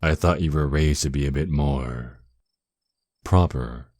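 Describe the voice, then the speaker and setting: A man playing a very deep, slow vampire lord. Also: a little mellow, dry recording, studio quality. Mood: gloating, sinister. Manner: slow, possessive, mock-tender, taunting. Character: dominant, seductive, menacing male vampire lord. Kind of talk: ASMR roleplay, intimate scripted monologue.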